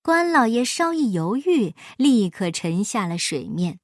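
A woman storyteller reading a folk tale aloud in an expressive storybook style. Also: a little high, a little slow, no room sound, studio quality.

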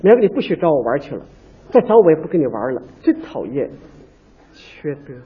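A man's voice: a little high, big pitch swings, a little fast, husky, pitched below the performer's own voice, full character voice. A man voicing chatty young unmarried women who tease and scold each other, on a dull lo-fi stage recording. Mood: coy scolding. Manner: coy bickering girlish chatter.

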